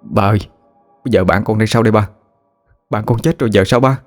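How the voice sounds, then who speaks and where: A man's voice: lowish voice, lively intonation, brisk, a little mellow, faint music behind, lightly acted. A man voicing an anxious young man grieving a drowned friend, in a shaky, pleading voice. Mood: frightened.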